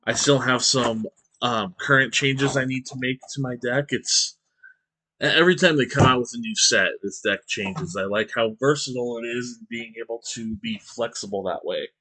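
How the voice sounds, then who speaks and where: A man's voice: mid-range voice, normal speed, pushed and bright, low-quality recording. A man chatting casually on a morning stream, rambling and hesitant with many fillers, a bit sleepy. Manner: rambling, hesitant, lots of ums and restarts. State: sleepy, yawning. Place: indoors, at home beside boxes of cards.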